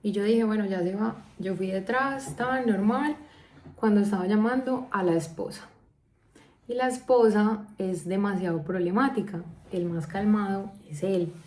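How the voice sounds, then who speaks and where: Colombian woman vlogger, lively storyteller, mid-range voice, roomy echo. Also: medium pitch, normal speed. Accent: Colombian Spanish. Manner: animated, acts out quoted dialogue. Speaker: vlogger telling a personal story. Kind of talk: casual storytelling.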